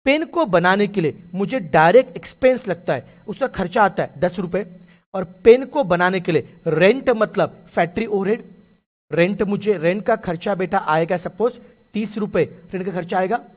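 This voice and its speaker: A man's voice: sits high, normal speed. A male costing teacher giving a lecture, explaining with stories and quizzing his students, whom he calls "beta". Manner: lively, asks students questions, calls them "beta". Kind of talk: classroom lecture with story examples.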